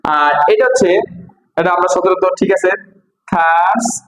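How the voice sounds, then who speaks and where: A man with a Bangladeshi accent teaching English pronunciation, repeating words slowly for practice. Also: high voice, a bit bright. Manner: drills words slowly with repetition. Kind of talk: pronunciation lesson. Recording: echoey room with faint noise.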